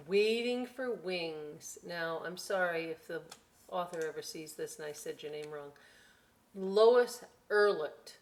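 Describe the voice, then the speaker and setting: Inside a library, a middle-aged woman with a lowish voice reads picture books to young children at storytime. She keeps it playful and conversational, dropping in chatty asides.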